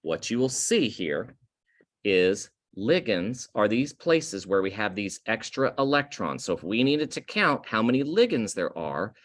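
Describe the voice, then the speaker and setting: Recorded over slides, this male chemistry lecture moves slowly, with the teacher emphasizing key terms and fixing his own slips as he goes. His fairly low voice swings widely in pitch and has a fairly bright tone.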